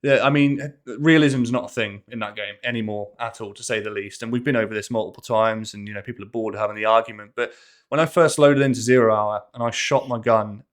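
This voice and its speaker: A man chatting as a podcast guest, relaxed and agreeable. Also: fairly low pitch, fast talker. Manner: relaxed, agreeable, short affirmations. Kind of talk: casual chat.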